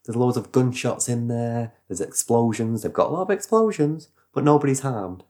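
A man retelling a story in casual podcast chat, animated and rambling, with sound effects. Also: medium pitch, normal speed. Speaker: podcast host.

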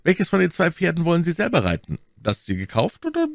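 A man's voice: fairly high pitch, huge pitch swings, brisk, gravelly, dry recording, clean studio sound, pitched above the performer's own voice, heavily acted. A man reading the part of a bold, eager young musketeer in a storybook reading, speaking resolutely. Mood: determined.

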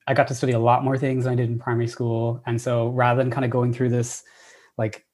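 An Irish man in his thirties, a professor telling his story in a relaxed interview, enthusiastic and full of ums and restarts. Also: medium pitch. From Ireland. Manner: enthusiastic, many fillers and restarts. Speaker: assistant professor, guest.

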